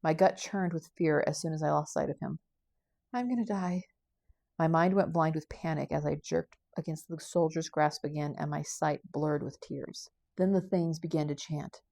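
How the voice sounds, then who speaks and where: Low, gravelly woman reading her novel. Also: no room sound. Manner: steady, unhurried reading with occasional slips. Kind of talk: first-person audiobook narration.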